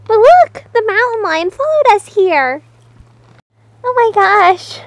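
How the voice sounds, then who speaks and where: A woman voicing an excitable, easily flustered girl camper in a toy role-play story, dramatic and complaining. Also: very high-pitched, takes it slowly, no room sound, voice pushed up, full character voice. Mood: amazed.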